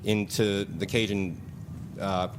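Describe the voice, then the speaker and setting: A man's voice: sits low, fairly even intonation, slow. A man in the band, a guest, telling stories in a rambling way and laughing as he goes. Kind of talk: casual chat. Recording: noticeable background noise.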